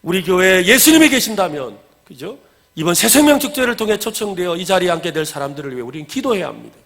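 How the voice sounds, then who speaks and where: A man preaching. His voice sits a little high and rises and falls sharply as he speaks. He often puts questions to his listeners. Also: quick pace, creaky. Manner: animated preaching, acts out quoted lines loudly, asks the congregation questions. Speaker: pastor. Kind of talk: sermon.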